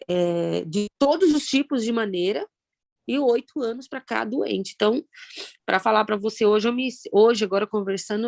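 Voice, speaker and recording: A Brazilian woman in her thirties with a Brazilian Portuguese accent, telling her own story of loss in a halting, reflective way with many pauses and fillers. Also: on the high side, dry recording. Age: 30s. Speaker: guest sharing personal story. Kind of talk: emotional personal testimony.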